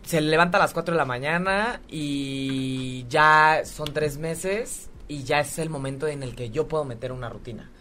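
A woman hosts a relaxed chat in a notably low voice. She talks her scenarios through with fillers like "este". There is faint noise in the background. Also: normal speed, few pauses. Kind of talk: casual podcast chat, asking questions.

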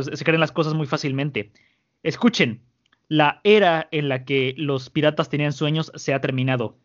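A man's voice: a little high, close to an everyday voice. A man with a Mexican accent voicing a smug, mocking male pirate captain, scornful and long-winded, on a muffled lo-fi recording. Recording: muffled lo-fi audio.

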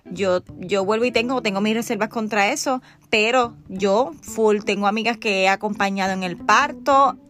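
A woman's voice: medium pitch, moderate pace, few pauses, a bit bright. A woman in her thirties with a Puerto Rican accent, hosting a podcast in a candid, chatty way that speaks straight to the listener. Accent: Puerto Rican Spanish. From Puerto Rico. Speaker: podcast host. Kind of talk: casual podcast chat.

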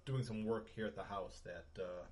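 A man's voice: fairly low pitch, normal speed, a little mellow. A middle-aged man co-hosting a home podcast, rambling through a story with lots of fillers. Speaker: podcast co-host. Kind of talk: casual chat. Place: home bedroom.

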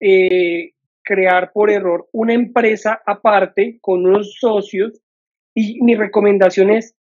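A woman interviewer with a husky voice acknowledges points and adds her own advice. Her audio sounds dull and lo-fi. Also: medium pitch, steady tone, slow, darkish tone. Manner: affirming, sums up points. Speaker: host. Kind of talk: interview conversation.

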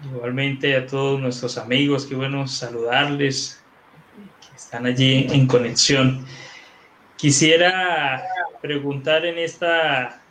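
A man's voice: medium pitch, fairly bright tone, a little hiss or hum. A male guest pastor giving engaging, sermon-like teaching, putting questions to the listeners. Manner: engaging, asks the audience questions.

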